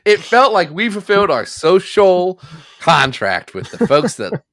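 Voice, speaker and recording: A man co-hosting a comics podcast in casual comedic chat, jokey and animated, swinging between loud bursts and mumbles. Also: high-pitched, a little slow. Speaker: podcast co-host.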